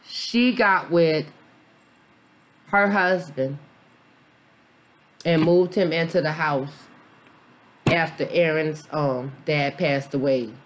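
Slow and low, with long pauses, a woman speaks over a little hiss or hum. After a beer she's a little tipsy, and as a mom vlogger reviewing a documentary she rambles casually with lots of fillers, blunt and profane.

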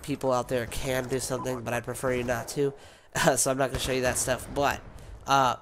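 A man with a sick, worn voice talks casually to his viewers, wandering between points and restarting his sentences. His pitch sits in the middle range, and a faint noise hums under the recording. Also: level tone, brisk. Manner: rambling, with many fillers and restarts. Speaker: gaming YouTuber. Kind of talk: rambling casual vlog talk.

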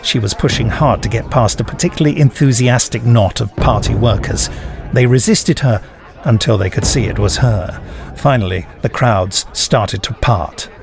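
A man reading scripted fiction in a measured, theatrical way with weighty pauses. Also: mid-range voice, gravelly, a crowd in the background. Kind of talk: dramatic scripted narration.

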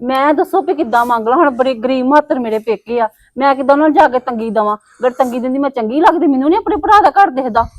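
Woman, high voice, rapid speech, complaining, pleading, dry close sound. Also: darkish tone, no room sound. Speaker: daughter in family drama. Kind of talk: casual Punjabi family vlog acting.

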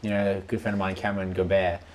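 A man in his twenties, a filmmaker, hosts a casual podcast and rambles along, packing his speech with "like" and "you know." His low voice moves little in pitch and comes quickly. He's close on a studio podcast mic mounted on a boom arm, with a little hiss or hum.

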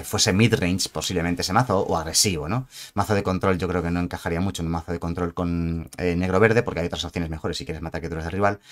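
A man giving a rambling, animated casual card analysis, often correcting himself. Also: sits low. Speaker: card game reviewer. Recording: faint background music.

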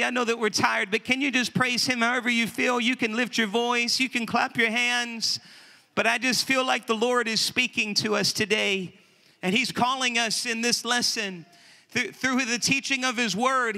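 A man's voice: very high-pitched, fairly even intonation, moderate pace, pushed and bright. A man preaching a sermon as pastor, telling a story with rising passion. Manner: impassioned preaching, building to raised intensity. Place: church sanctuary. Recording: long hall reverb from church.

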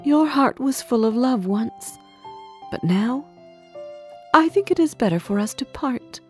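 Woman voicing a childlike ghost, soft, high, hushed, slow. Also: expressive, faint music behind. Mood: sad. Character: gentle childlike ghost of the past.

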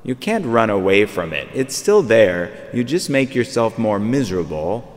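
A man's voice: on the low side, very animated, normal speed, slight background noise. Priest in his fifties, church echo. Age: 50s. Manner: conversational, repeats phrases while searching for words. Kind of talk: sermon. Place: large church, at a pulpit. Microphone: far camera. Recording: long church reverb.

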